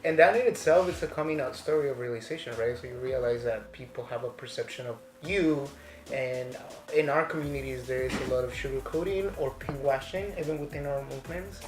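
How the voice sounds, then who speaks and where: Speaking briskly in a medium-pitched voice, this Mexican man gets passionate and emphatic during a casual chat, repeatedly asking "right?" and saying "girl." Music plays behind him in an echoey room.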